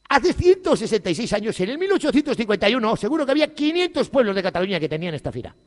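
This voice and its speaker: Animated joking man. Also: high voice. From Basque Country. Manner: irreverent, joking, swears freely. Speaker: festival opening speaker. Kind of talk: humorous public speech. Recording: echoey hall reverb.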